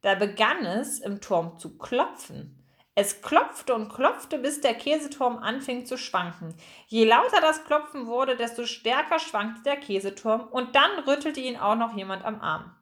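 Expressive woman narrating a children's book. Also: a little high. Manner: expressive, slows for suspense. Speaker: audiobook narrator.

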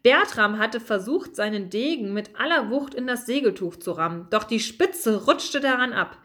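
A woman with a fairly high voice reading a children's story aloud. Her narration is expressive and lively, with a clear storytelling tone. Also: normal speed.

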